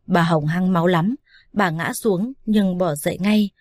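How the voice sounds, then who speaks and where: Low-voiced woman reading a story. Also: unhurried, dry recording, studio quality. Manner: steady, even storytelling. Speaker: narrator. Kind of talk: scripted audiobook narration.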